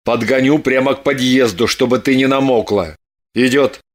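A reader voicing a gruff, practical husband who answers in short, clipped, commanding phrases in a lowered voice. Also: male voice, steady tone, moderate pace, close to an everyday voice. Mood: curt.

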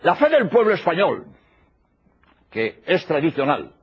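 A man's voice: on the high side, huge pitch swings, measured pace, husky. An older man giving a religious lecture, emphatic and repeating his key phrases. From Spain. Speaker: preacher. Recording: dull lo-fi old tape recording.

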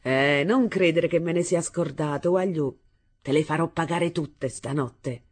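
A woman reading aloud voices a brash young husband who mocks and threatens his bride in loud bursts. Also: low voice, expressive, a little slow, breathy edge, full character voice. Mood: menacing. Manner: mocking, menacing, loud bursts.

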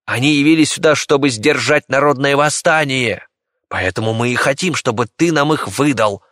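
A man playing a coarse, threatening village ringleader with a hoarse, cawing voice. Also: medium pitch, normal speed, fairly bright tone, dry recording, clean studio sound, voice pushed up, natural voice. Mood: ranting. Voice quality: hoarse, crow-like. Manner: threatening and bullying.

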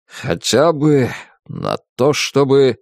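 A man's voice: mid-range voice, huge pitch swings, slow pace, vocal fry, no room sound, clean studio sound, full character voice. A man voicing a firm, curt king and wizard in a storybook reading. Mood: resolute.

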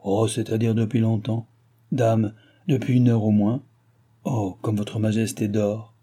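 A playful, scheming court countess, voiced by a man who wheedles and coaxes. The voice sits a little higher than his narration but stays husky. It is read from a storybook. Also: level tone, unhurried, dark tone. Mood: coaxing.

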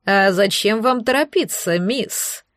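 A woman's voice: medium pitch, slow pace, a bit bright, dry recording, clean studio sound. A woman voicing a male soldier-mage who speaks in a mocking, oily, threatening way in an audiobook. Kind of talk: audiobook character voice.

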